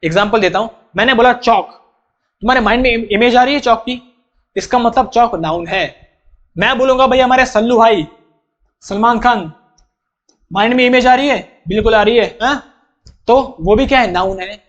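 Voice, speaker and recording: A man's voice: very high voice, normal speed, long pauses, fairly bright tone, lo-fi sound. A man teaching a grammar lesson in an emphatic way. He keeps asking questions, answers them himself and drills terms by repeating them. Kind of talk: classroom-style grammar lesson.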